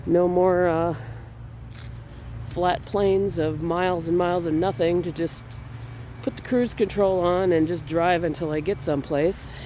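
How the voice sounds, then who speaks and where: Walking outdoors through a cemetery in the fall, a Minnesota artist speaks in a high, unhurried voice for his casual vlog. His nose is stuffed from a cold, and his relaxed talk rambles along with little laughs and restarts over slight background noise.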